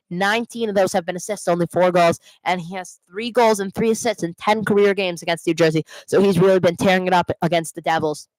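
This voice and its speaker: Hosting a fan's livestream watch party, a woman with a fairly low voice does informal play-by-play of live amateur hockey as an exasperated Devils fan, correcting herself and explaining plays casually. The recording is rough and dry, with no room sound.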